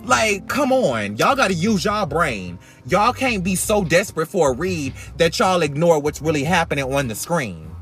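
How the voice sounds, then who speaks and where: A man giving sassy, emphatic, opinionated casual commentary as a podcast host, talking loudly as if to be heard over rain. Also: on the high side, very animated, moderate pace, few pauses. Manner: emphatic, sassy, swearing freely. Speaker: podcast host reviewing reality TV. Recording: iPhone recording with background music. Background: rain and music.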